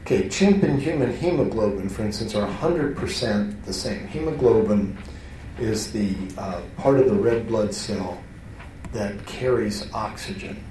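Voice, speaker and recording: A man's voice: lowish voice, measured pace, dark tone, slight background noise. A man teaching a class in a conversational, self-interrupting way, often restarting his sentences. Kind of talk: lecture to a class. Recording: roomy hall, voice from far off.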